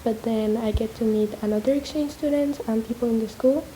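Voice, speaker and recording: A teenage exchange student from Chile, speaking in simple, careful English. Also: female voice, on the high side, brisk, dark tone, slight background noise, poor audio. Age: late teens.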